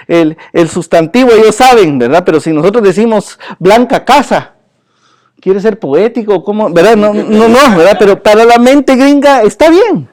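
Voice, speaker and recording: A man teaching a church Bible class in a lively, joking way, often asking his listeners questions and calling them brother. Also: high voice.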